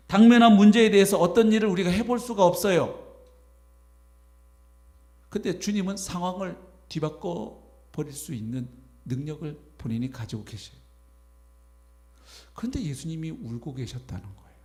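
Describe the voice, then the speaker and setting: A male pastor delivering a sermon in a voice pitched a little above most men's. He preaches in an animated way and slips into short imagined voices to make his points. A faint mains hum sits under the recording. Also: moderate pace, pauses often. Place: church sanctuary.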